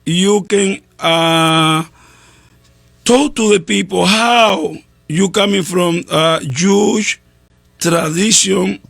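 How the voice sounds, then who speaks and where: A man who is a pastor interviews a guest in halting, broken English. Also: sits high, vocal fry, a bit bright, dry recording, clean studio sound, faint music behind. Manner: halting non-native English, broken grammar.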